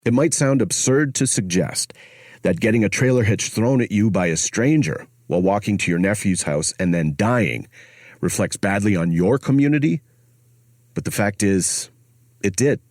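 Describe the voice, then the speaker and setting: A man hosting and narrating a documentary podcast in a grave, measured tone, recorded on a studio mic. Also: fairly low pitch, lively intonation, darkish tone, no echo.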